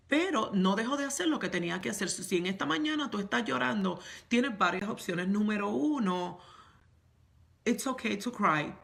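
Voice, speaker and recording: Gravelly-voiced woman preaching. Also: mid-range voice, fairly bright tone. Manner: repetitive, emphatic preaching, slipping in English words. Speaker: pastor. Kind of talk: sermon. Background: congregation setting, speaking to women.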